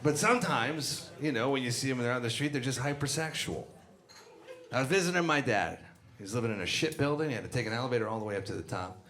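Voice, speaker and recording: On a comedy club stage, a man with a mid-range voice delivers a crude, brash stand-up set into a handheld mic, speaking fast and expressively. The room echoes, and the crowd laughs loudly.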